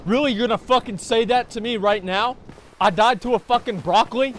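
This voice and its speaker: A man's voice: extremely high pitch, a little fast, background noise. A man in his thirties streaming a game live on a close mic, raging, swearing and exasperated as he comments. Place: indoor home streaming room. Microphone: close boom mic with headset. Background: game music.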